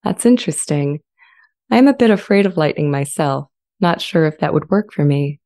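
Here a woman plays a soft-edged, low-pitched sentient AI, earnest and gentle, longing to be accepted. Her measured, articulate reading of a dramatized transcript is expressive, carrying a curious, gentle mood, captured close-up on a studio microphone with a pop shield.

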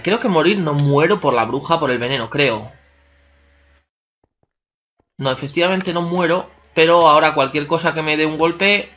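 A man's voice: fairly high pitch, fairly bright tone. Chatty man narrating gameplay. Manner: chatty, talks to himself and viewers, playful exclamations. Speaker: gaming channel host. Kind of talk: casual let's-play commentary.

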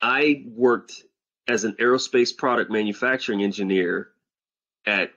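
A man's voice: on the low side, unhurried, bright, forceful tone. A man co-hosting a casual group podcast, explaining things in a laid-back way and swearing casually. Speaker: podcast co-host. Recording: muffled lo-fi podcast audio.

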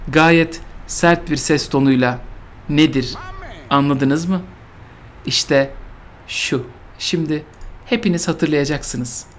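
A man's voice: on the high side, slow, pauses often, slight background noise. Sarcastic man reading aloud with mock drama. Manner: sarcastic, mock-solemn, repeats phrases for comedy. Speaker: host reading a fan story aloud. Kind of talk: mocking dramatic reading with game chatter.

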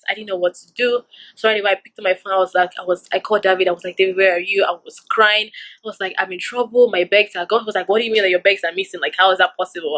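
A young woman vlogger retelling a stressful robbery story in an emotional, animated way, with many asides. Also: medium pitch, poor audio. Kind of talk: storytime vlog.

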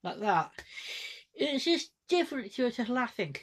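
Slow, halting woman vlogger. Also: on the high side, big pitch swings, husky. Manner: halting, repeats and restarts, demonstrates laughs. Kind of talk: casual vlog monologue.

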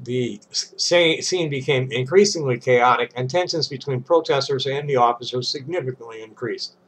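In a small, cluttered indoor space, an older vlogger with a stuffy, congested voice reads a statement aloud, mixing in casual asides. He talks at medium pitch and a moderate pace with a fairly bright tone, on a low-quality recording.

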